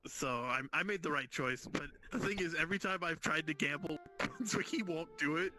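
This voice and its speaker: A man chatting casually with friends, relaxed and rambling, with frequent hesitations. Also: on the high side, brisk. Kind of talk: casual chat among friends.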